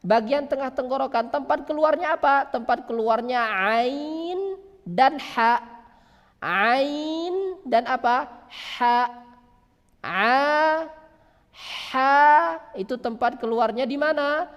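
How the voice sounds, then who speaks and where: A man teaching Quran recitation, who asks questions and answers them himself and draws out sounds slowly to demonstrate them. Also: very high voice. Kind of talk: religious lesson on pronunciation. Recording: long hall reverb.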